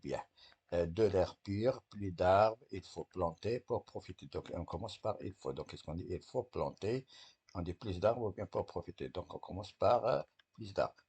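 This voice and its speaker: A man's voice: low voice, moderate pace, a little mellow, breathy edge. A man teaching French to young pupils, patiently correcting a test step by step and answering his own questions; French is not his first language. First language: Arabic.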